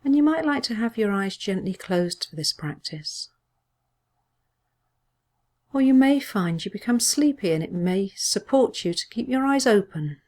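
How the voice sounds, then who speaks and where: In a mid-range, expressive voice, a woman leads a body scan meditation as a mindfulness teacher. Her speech is gentle, measured, and soothing, with pauses throughout.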